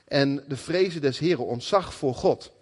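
A man preaching a sermon in a lively, conversational way, often acting out the people he quotes. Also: on the high side, moderate pace, slightly rough, long reverb tail.

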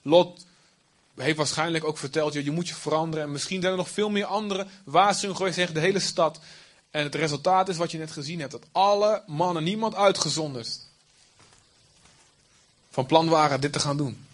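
A man's voice: a little high, fairly quick. A man preaching a sermon, explaining the text in plain everyday speech with asides.

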